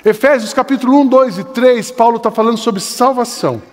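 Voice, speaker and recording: An older Brazilian Portuguese pastor preaches with fervor, his unusually high voice climbing into shouts before falling to urgent, quieter pleading. The sound carries a long reverb from the church hall around him. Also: a little fast. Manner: impassioned, swings between shouting and lowered urgent tones. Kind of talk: sermon. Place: church sanctuary.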